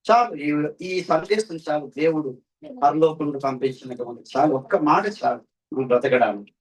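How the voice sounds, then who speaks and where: A man preaching an evening sermon, calling out hallelujah, throwing rhetorical questions to his listeners, and swinging between ringing exclamations and quiet low passages. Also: brisk, slightly rough. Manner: fervent, repeated hallelujah calls, rhetorical questions to the audience. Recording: voice distant from the mic.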